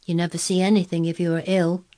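A woman's voice: fairly low pitch, little pitch movement, fast, mellow, natural voice. Woman voicing a fretful sickly boy. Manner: restless, resentful, cross.

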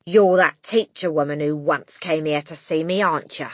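A woman acts out a brusque, crooked father from a storybook. He is curt, impatient and dismissive. The delivery is husky and dry. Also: deep voice, normal speed, dry recording.

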